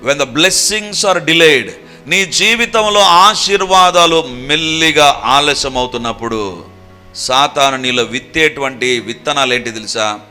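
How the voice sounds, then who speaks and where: Fervent high-voiced man preaching. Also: a little slow, soft background music. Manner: fervent, swings between hushed and raised voice, mixes English phrases. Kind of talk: sermon.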